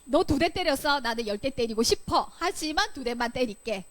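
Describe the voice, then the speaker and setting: Woman, Sunday school teacher; high, very animated delivery, playful and quizzing. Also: normal speed. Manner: playful, quizzing the children with questions; acts out examples with sudden loud bursts. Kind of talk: lively Bible lesson for children. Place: church Sunday school room.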